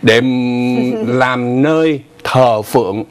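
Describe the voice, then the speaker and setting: With a medium-pitched voice and drawn-out words, a man in his sixties co-hosts a morning news show. He explains the news in a chatty, casual way with asides, speaking into a lapel mic in a TV studio.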